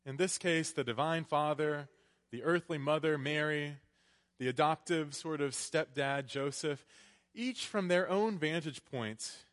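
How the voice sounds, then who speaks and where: A man delivers a sermon in a big church, his voice ringing with long reverb. He speaks slowly and deliberately in short phrases, on the higher side for a man. There is a playful touch to how he addresses his listeners. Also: a bit bright. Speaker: preacher, priest. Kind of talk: Christmas Eve sermon from the pulpit. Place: large church. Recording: echoey hall with long reverb.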